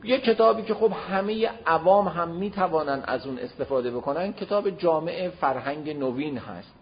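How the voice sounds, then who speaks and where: A man giving a religious lecture, explaining to listeners, with emphatic swings between loud and soft delivery. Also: fairly high pitch, animated. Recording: dull lo-fi recording.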